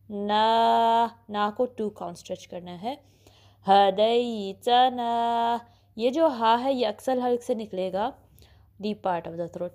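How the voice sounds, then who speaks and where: एक महिला शिक्षिका, जो धैर्य से धीरे-धीरे तजवीद का उच्चारण सिखाती है और अक्षरों को बार-बार दोहराती है।. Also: female voice, fairly high pitch, a little mellow. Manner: patient, repeats syllables slowly, often says "okay". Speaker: Quran recitation teacher. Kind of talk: slow step-by-step pronunciation lesson.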